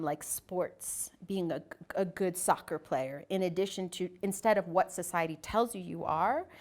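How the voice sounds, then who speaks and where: Woman, interview guest, low-pitched, emphatic, reflective. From Ethiopia. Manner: reflective, emphatic, rhetorical questions. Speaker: guest, media company CEO. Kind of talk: interview discussion.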